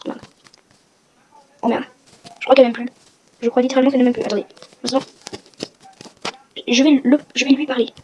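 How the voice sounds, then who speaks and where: A woman's voice: sits high, flat delivery, brisk, long pauses, a little mellow, muffled recording. A woman hosting a casual game walkthrough vlog, chatty and rambling, with self-mocking asides. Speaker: gaming video host. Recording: noisy with clicking sounds.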